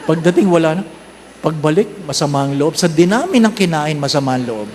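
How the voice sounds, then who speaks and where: A man's voice: fairly high pitch, animated, brisk, darkish tone, a little hiss or hum. A man with a Filipino accent, a priest giving a humorous homily at Mass, mixing English and Tagalog and acting out parishioners in shifting voices. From Philippines. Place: church during Mass.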